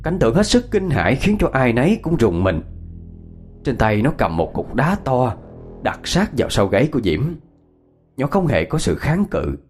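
A man narrating a first-person horror story in a tense, dramatic manner, slowing for suspense. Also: medium pitch, very animated, a little mellow, slight background noise.

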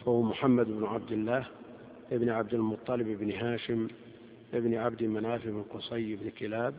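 A man's voice: fairly low pitch, flat delivery, fairly quick. A man teaching a classroom lecture as a teacher of hadith, explaining each point step by step. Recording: lo-fi phone-like sound in a reverberant hall.

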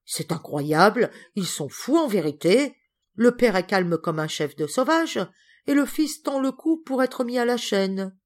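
Woman reading a fussy spinster cousin, all exclamations, high and loud, storybook. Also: sing-song, unhurried. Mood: indignant. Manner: exclamatory, melodramatic. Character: excitable, indignant middle-aged spinster cousin.

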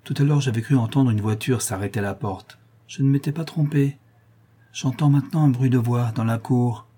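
A man's voice: mid-range voice, normal speed, dark tone, slightly rough, close to an everyday voice. A man voicing a stern male accomplice who gives firm warnings and later falters as he weakens.

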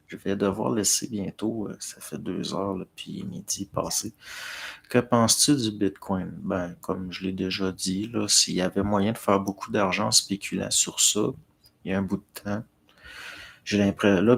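A man's voice: low-pitched, gravelly, fairly bright tone, breathy edge. A middle-aged man with a Québécois accent, chatting casually on a livestream and answering viewer comments in a rambling, hesitant way. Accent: Québécois French. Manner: hesitant, many fillers and restarts, talking to chat.

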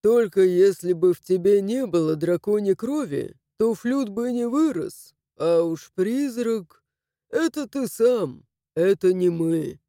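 Woman doing a sheepish offhand dragon, mellow, dry close read. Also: medium pitch, lively intonation, slow, dry recording. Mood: evasive. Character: sheepish evasive male dragon. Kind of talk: audiobook character voicing.

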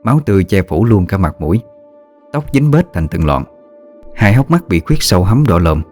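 A man narrating a ghost story in a steady, measured storytelling voice. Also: low voice, faint music behind.

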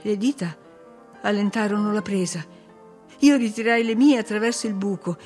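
A woman reading a novel aloud as audiobook narrator, in measured, dramatic storytelling. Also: medium pitch, darkish tone, soft background music. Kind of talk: expressive literary narration.

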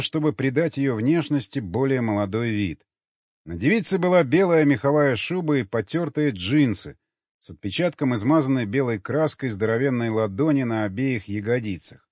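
A man narrating an audiobook in an expressive storytelling manner. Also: medium pitch, no room sound. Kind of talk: scripted narration. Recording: dry, dull lo-fi sound.

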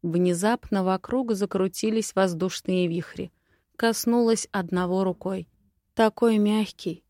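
Expressive woman reading an audiobook, dry. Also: mid-range voice, unhurried, no echo. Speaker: audiobook narrator. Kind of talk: first-person audiobook reading of a romantic fantasy.

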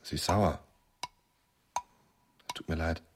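A mocking, dry-witted younger brother. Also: male voice, rumbling low, slow pace, background noise. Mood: quiet, sheepish. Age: middle-aged. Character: sardonic, defensive middle-aged younger brother. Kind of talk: radio play acting.

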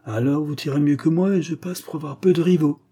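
A man reading an audiobook, voicing a composed, self-assured male explorer who speaks in a measured, formal way. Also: on the high side, fairly even intonation, warm tone, husky, pitched above the performer's own voice. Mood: courteous.

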